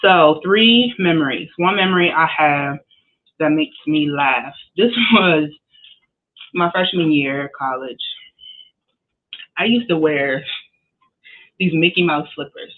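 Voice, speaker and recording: A woman's voice: sits low, slow pace, long pauses. A woman co-hosting a podcast, telling casual stories and laughing often as she talks. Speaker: podcast co-host. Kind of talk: casual storytelling. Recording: tinny phone-like line.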